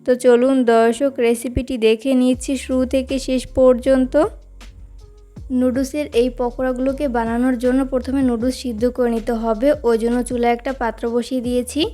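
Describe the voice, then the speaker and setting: A woman hosting a cooking channel, giving steady step-by-step recipe narration as a voice-over. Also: high-pitched, brisk, faint music behind. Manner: steady instructive step-by-step delivery.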